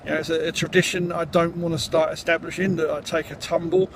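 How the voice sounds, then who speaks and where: A man talking casually in a vlog, recounting things in a halting, rambling, matter-of-fact way. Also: fairly high pitch, level tone. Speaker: vlogger, amateur runner. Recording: outdoor noise, traffic.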